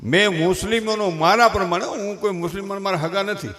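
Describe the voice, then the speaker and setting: A man's voice: high-pitched, fairly even intonation, fairly quick, fairly bright tone. An older man with a Kathiyawadi Gujarati accent, a folk comedian on stage before a live audience, mixing humorous stories with preachy moral advice in rustic dialect.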